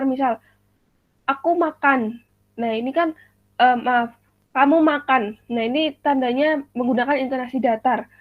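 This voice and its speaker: A young woman with a high voice teaches a class over a video call, laying out each point step by step and putting questions to her students. Her voice comes through tinny and dry, like a phone line. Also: no room sound. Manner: explains step by step, quizzes the class. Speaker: teacher in a practice lesson.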